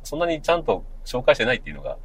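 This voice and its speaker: A man hosting a casual podcast chat from a parked car, relaxed and laughing often, with long drawn-out fillers. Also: medium pitch, slightly rough, poor audio. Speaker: podcast host, band member.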